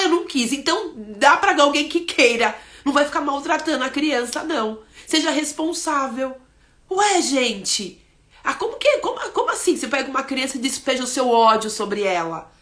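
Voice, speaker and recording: A Brazilian woman delivering a motivational talk. She talks earnestly and admonishes firmly, often pausing on a questioning tag. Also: on the high side, fairly bright tone. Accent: Brazilian Portuguese. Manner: earnest, emphatic, admonishing, with many "né?" tags. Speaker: speaker on insecurity and parenting.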